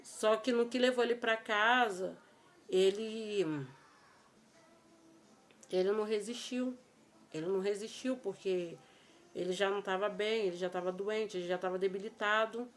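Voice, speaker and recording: A Brazilian Portuguese woman telling a personal story in a vlog, emotional and halting, often repeating her phrases. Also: mid-range voice, steady tone. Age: adult with a child. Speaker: vlogger.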